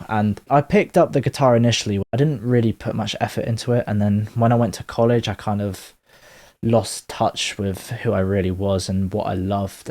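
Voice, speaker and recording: A man in his twenties talks in a fairly low voice, musing out loud in a relaxed monologue. He is frank and loose, with the odd swear word. He keeps wandering off on tangents before he finds his point again. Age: 20s. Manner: rambling, candid, swears casually, drifts into tangents. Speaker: vlogger. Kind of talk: casual reflective monologue.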